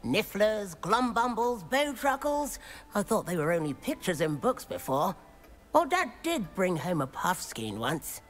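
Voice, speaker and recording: A man's voice: high-pitched, sing-song, unhurried, a bit bright, full character voice. A man voicing a cheerful, welcoming teenage wizard student in a video game, with a British accent. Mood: chatty, friendly. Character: friendly, enthusiastic teenage male wizard student.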